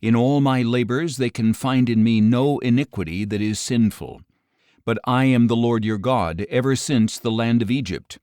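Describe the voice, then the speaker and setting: A man narrating an audio Bible in a measured, solemn scripted reading, his lines falling at the ends. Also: medium pitch, darkish tone, no echo, clean studio sound. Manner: measured, solemn delivery with falling line endings.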